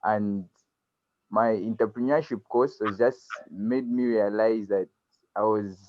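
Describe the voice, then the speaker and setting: A nineteen-year-old man from Zambia, speaking haltingly and earnestly as a student guest on a video call. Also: on the low side, slight background noise. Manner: halting, earnest, many restarts. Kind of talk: video call introduction and talk. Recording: dry, dull lo-fi call audio.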